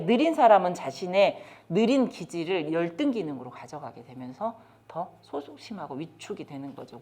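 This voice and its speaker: Speaking in a lowish voice, this middle-aged woman from South Korea lectures caregivers on child development in a lecture room. Her delivery is lively, and she talks straight to the audience, asking them questions.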